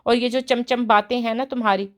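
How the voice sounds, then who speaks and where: A cheeky, lively young woman doctor with a fairly high voice, read out by a woman narrator. She talks in a playful, teasing way and never holds her tongue with anyone. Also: close to an everyday voice.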